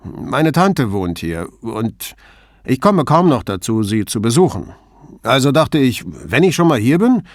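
A man's voice: low-pitched, very animated, moderate pace, hardly any pauses, fairly bright tone, dry recording, clean studio sound. A man voicing a sheepish boat driver who speaks hesitantly and is eager to please, in an audiobook.

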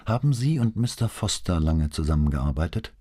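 A man reading the lines of a calm middle-aged police commissioner in an audiobook, in a reassuring way. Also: deep voice, normal speed, slightly rough, full character voice. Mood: wry.

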